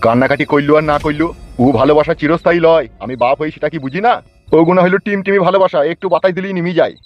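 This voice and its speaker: With a rural West Bengal accent, a man plays the proud, hot-headed father of a village in a Bengali comedy cartoon, angry, stubborn, blustering, and threatening. His fairly high voice stays steady and very fast, near everyday speech, in dull lo-fi audio with faint background music.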